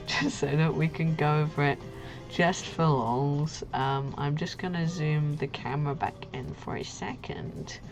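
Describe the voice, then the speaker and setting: A young adult woman, an artist, hosts a casual livestream and chats in a goofy, giggly, slangy way. Her voice is fairly low with a darkish tone, and the stream audio is muffled and lo-fi with background music.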